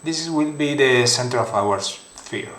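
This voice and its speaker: Italian-accented man, software tutorial narrator, unhurried halting delivery, roomy echo. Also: mid-range voice, a little hiss or hum. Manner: halting non-native English with many fillers. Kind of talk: screen-recorded software tutorial. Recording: roomy echoey home room.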